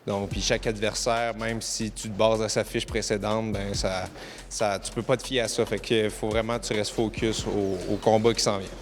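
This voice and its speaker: Young Québécois man, low voice, reflective. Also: level tone, moderate pace, faint music behind. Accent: Québécois French. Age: young adult. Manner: reflective, many "euh" fillers. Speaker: amateur boxer.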